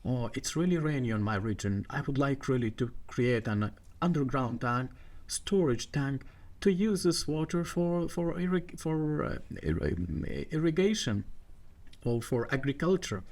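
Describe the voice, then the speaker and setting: A middle-aged Egyptian man guesting on a podcast about water management speaks in a mid-range, somewhat dark voice with lively intonation. His delivery is halting, full of fillers and restarts, with non-native grammar.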